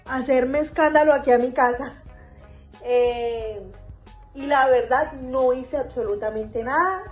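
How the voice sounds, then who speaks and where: A woman's voice: sits high, darkish tone, low-quality recording. A young woman vlogging in character as a pregnant vampire mom, retelling events chattily with lots of fillers and repeats. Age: young adult. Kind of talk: in-character vlog storytelling.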